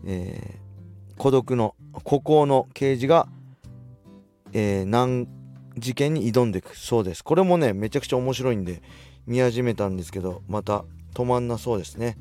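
A man's voice: mid-range voice, moderate pace, mellow, faint music behind. Chatty man hosting a solo talk show. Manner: loose and chatty, many fillers. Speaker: podcast host and fighting gym owner. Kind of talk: casual solo talk reading listener letters.

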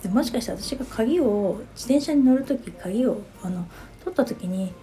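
A woman in her fifties tells a story in a relaxed, chatty monologue with a mellow, warm tone. She keeps turning to her listeners to ask what they make of it, and faint music plays softly behind her. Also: fairly high pitch, normal speed. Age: 50s. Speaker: podcast host.

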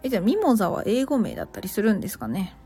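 A woman's voice: mid-range voice, huge pitch swings, very fast, mellow, soft background music. A woman who teaches English at a cram school, chatting casually on a live stream and reacting to listener comments with small laughs.

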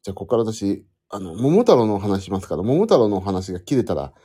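In a casual solo podcast, a male host chats to his listeners, rambling and correcting himself as he thinks aloud and fiddles with his phone. His voice is lowish, mellow and husky, and he talks fast and very animatedly.

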